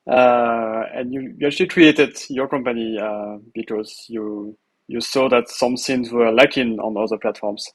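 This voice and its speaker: A man's voice: mid-range voice, poor audio. A man hosting an interview, asking friendly, short questions with some fillers. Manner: friendly, brief prompts with fillers. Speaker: interviewer, host.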